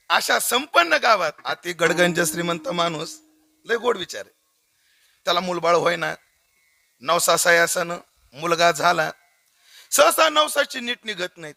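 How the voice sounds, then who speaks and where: A man preaches a kirtan sermon full of humorous stories, joking with the crowd and quizzing them. His voice is high and very bright, with a gravelly edge. The sound is dry and close. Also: lively intonation, measured pace, pauses often, no room sound. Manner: jokey, asks the audience questions.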